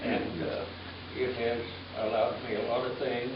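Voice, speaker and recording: A man's voice: mid-range voice, level tone, unhurried. An elderly man telling family stories informally, in a rambling, folksy, jokey way. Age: 80s. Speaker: family elder giving a speech at a reunion. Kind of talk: informal storytelling speech. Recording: muffled, distant, echoey room with crowd noise. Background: crowd noise.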